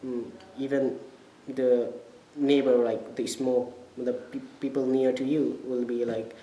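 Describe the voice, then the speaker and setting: Recorded with lo-fi sound in an echoey, noisy room, a young man with a Nepali accent answers interview questions casually as a college student. He takes it slowly, hesitating and searching for words, his medium-pitched voice warm with little pitch movement.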